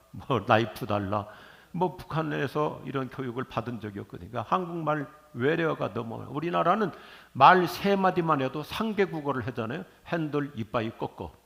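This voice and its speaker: An older man preaching a sermon in a church, lively and jokey with sudden loud bursts. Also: mid-range voice, a little fast, vocal fry. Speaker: pastor. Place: church sanctuary.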